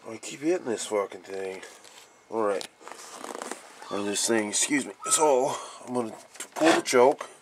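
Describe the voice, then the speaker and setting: A man with a medium-pitched, expressive voice casually walks viewers through the gear in his welding trailer, speaking at a measured pace with long pauses. He rambles in a plain-spoken way and curses now and then in this vlog, shot outdoors in a cold enclosed work trailer. The handheld camera audio is noisy.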